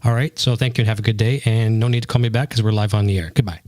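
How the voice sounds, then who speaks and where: A man, the host of a live stream, leaving a relaxed voicemail message for his son, with a few halting fillers. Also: on the low side, dry recording. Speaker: livestream host. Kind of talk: casual spoken message. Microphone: studio dynamic mic.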